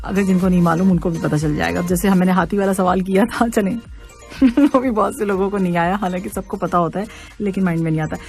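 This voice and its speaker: A woman's voice: fairly low pitch, steady tone, fast, gravelly, darkish tone, faint music behind. A woman radio host chatting casually on air, reading out listener messages and laughing often. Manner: chatty, laughs often, mixes in English words. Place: radio studio.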